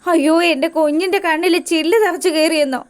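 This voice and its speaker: A woman's voice: extremely high pitch, steady tone, a little fast. A woman voicing a distraught middle-aged mother who asks panicked, pleading questions.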